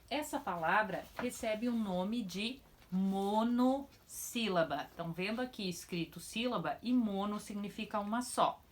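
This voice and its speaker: A woman teacher giving a lesson to young pupils, stretching words out slowly into syllables in a sing-song way. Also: medium pitch, slight background noise. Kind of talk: children's lesson.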